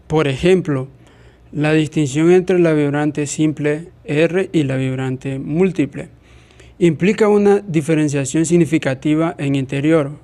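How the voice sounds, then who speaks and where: A man explaining a phonetics lesson in a hesitant way, with many pauses and restarts. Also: on the high side, dark tone.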